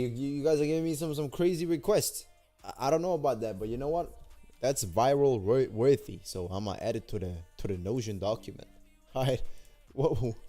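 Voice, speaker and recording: A young Dane with a mid-range, dark-toned voice livestreams an app builder demo, chatting casually with viewers. His talk is hyped, full of slang, and repetitive.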